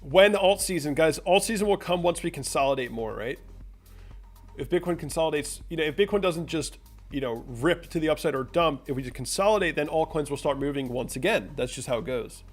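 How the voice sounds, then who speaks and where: A man's voice: a little high, expressive, fairly quick, soft background music. A young man from the United States hosting a casual livestream, talking through charts and answering viewers' chat messages. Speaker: crypto livestream host.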